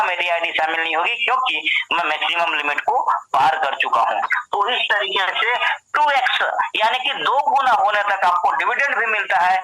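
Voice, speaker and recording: Bright, high-voiced man pitching a plan. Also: reverberant, low-quality recording. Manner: persuasive, keeps addressing listeners as friends. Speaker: business plan presenter. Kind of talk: promotional business presentation.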